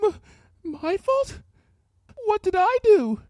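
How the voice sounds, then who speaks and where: A woman's voice: extremely high pitch, animated, normal speed, dry recording, studio quality, pitched above the performer's own voice. A woman voicing a timid young female pegasus pony, stammering and pleading. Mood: frightened, pleading.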